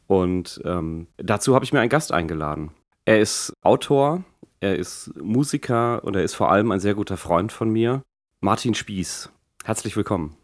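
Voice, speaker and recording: A man with speech hosting a casual podcast, his voice deepened and worn from a recent infection. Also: no echo, studio quality. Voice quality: deepened, croaky voice left over from an infection. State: recovering from Covid with a lingering cough, vocal cords strained. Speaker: podcast host.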